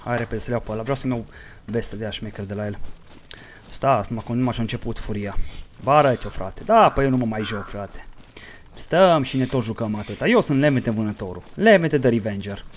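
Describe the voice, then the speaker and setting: A hot-tempered gaming streamer, cursing freely and narrating his game to viewers. His voice sits at an ordinary middle pitch for a man, with a faint hiss behind him. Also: animated. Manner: profane, hot-tempered outbursts between mumbled play-by-play; jokey mock-dramatic storytelling to viewers. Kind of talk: let's play commentary.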